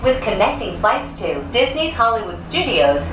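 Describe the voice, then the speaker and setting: A woman making a polite, measured recorded passenger announcement, played over a cabin loudspeaker inside a moving gondola. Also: on the high side, sing-song, distant mic, muffled recording. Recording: echoey loudspeaker with ride noise, from afar.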